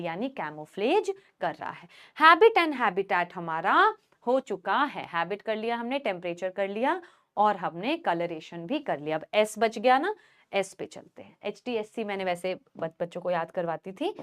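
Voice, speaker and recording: A woman teaching a class, mixing Hindi and English. She asks questions and answers them herself, and repeats key words slowly so students can write them down. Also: mid-range voice. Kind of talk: classroom lesson, dictating notes.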